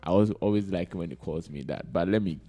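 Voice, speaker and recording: A man's voice: deep voice, a little fast, dark tone. A man with a Ghanaian accent hosting a casual podcast, chatting in an informal, slangy way and repeating words for emphasis. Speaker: podcast host. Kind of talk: casual unscripted podcast chat. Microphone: held microphone in a recorded session.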